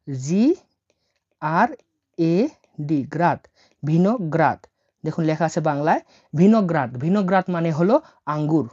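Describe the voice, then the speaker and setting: A woman teacher talks through a language lesson in a mellow, fairly low voice. She spells each word letter by letter and repeats it patiently. The recording sounds a little dull and lo-fi.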